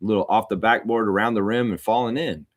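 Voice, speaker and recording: A fast-talking man with a low, steady voice hosts a livestream, calling basketball play-by-play the way a casual fan would. His chatty commentary rambles slightly and repeats itself, in clean studio sound without room sound.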